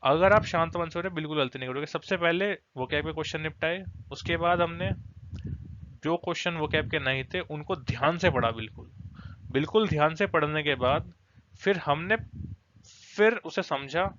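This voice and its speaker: Bright-voiced male exam coach. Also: a little high, normal speed, lo-fi sound, a little hiss or hum. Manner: direct, instructive, mixes English terms into Hindi. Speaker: exam prep teacher. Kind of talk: Hindi-English exam coaching lesson.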